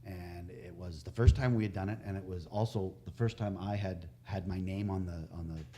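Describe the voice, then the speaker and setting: A middle-aged man chats casually on a podcast in a lowish voice, spinning loose, rambling stories that drift and restart. He chuckles at his own asides. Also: fairly even intonation, moderate pace, dark tone, a little hiss or hum. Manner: rambling anecdotal storytelling, trailing off and chuckling. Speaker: podcast guest, community theatre director and actor.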